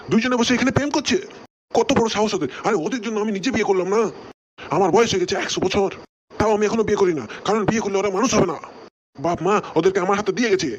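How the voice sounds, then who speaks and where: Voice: medium pitch, dull audio, close to an everyday voice. A cranky old bachelor brother, voiced by a performer, fires off scolding rants at breakneck speed. His comes through in this comic cartoon skit. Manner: scolding, ranting. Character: grumpy old bachelor elder brother, male.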